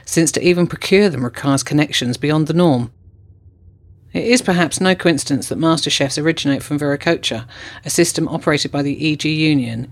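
A man narrating as a correspondent in a measured, formal documentary style. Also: on the high side.

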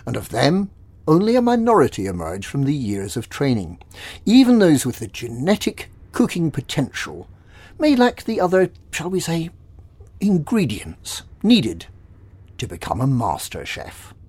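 A man's voice: on the high side, wildly swooping pitch, a little slow, darkish tone, breathy edge, no echo, heavily acted. A man playing a smug Slavic-accented recruiter. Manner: clipped, exact syllables. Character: secretive smug male recruiter of child chefs. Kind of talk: audio drama acting.

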